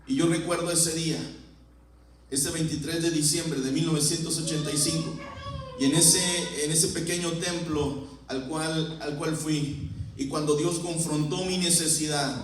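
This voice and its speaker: A man's voice: a little high, very animated, measured pace. A man preaching a sermon as pastor, with impassioned repeated phrases. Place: church sanctuary. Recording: echoey church hall from far off.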